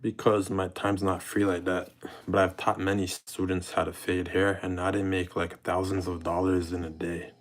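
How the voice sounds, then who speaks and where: Out streaming in public, a young man with Jamaican and British roots chats casually with his audience and names the people he thanks. His low voice shows little pitch movement at a moderate pace. Slight background noise sits under the audio.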